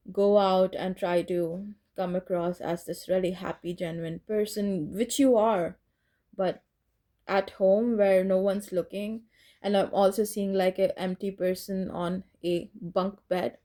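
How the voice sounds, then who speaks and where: A woman's voice: medium pitch, fairly even intonation, a little slow, warm tone. A woman giving a casual tarot reading, rambling and correcting herself as she goes, and laughing at her own slips. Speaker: tarot reader.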